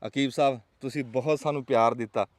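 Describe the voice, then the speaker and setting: He's a fast talker with a medium pitch and fairly even intonation, recorded with no room sound. This vlog host has a Pakistani Punjabi accent and tells his casual outdoor vlog talk in an emphatic, rhetorical, folksy way.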